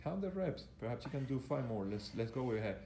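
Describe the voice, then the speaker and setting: A man coaches a live workout in an echoey indoor gym, with faint noise behind him. He speaks as a fitness trainer, counting down reps and urging the exerciser to keep going. His pitch is average for a man. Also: big pitch swings, fairly quick, warm tone. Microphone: handheld camera operated by the speaker.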